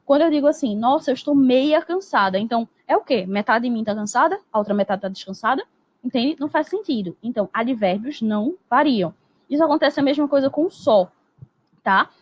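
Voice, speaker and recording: Woman teacher with a high voice explaining grammar, keeps saying "né?", acts out example sentences. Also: expressive, a little fast, slightly rough. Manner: explanatory, peppers speech with "né?" and "tá?". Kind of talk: recorded grammar lesson.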